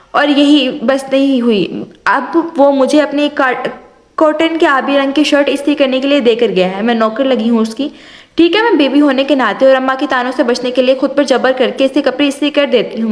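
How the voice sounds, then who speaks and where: A young woman narrating an audio novel with lively first-person storytelling. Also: high-pitched. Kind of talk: reading an audio novel aloud. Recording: roomy echo.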